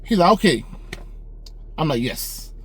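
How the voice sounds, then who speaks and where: Young man, casual storytelling, slightly high voice, animated, faint background hum. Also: unhurried. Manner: animated, acts out dialogue with raised voice. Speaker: storyteller vlogger.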